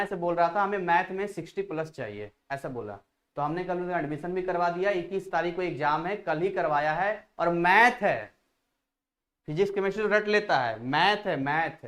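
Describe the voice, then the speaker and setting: A man's voice: on the high side, a bit bright. Chatty male physics teacher. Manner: chatty, digresses, repeats phrases to drill a point. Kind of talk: live online class lecture.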